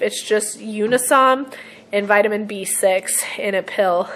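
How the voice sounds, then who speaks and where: A young woman vlogging at home to her camera, hoarse from a cold, chatting in a rambling way with many ums and throat-clearing. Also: medium pitch, slight background noise, rough recording. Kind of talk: casual vlog chat to camera. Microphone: camera set on a surface.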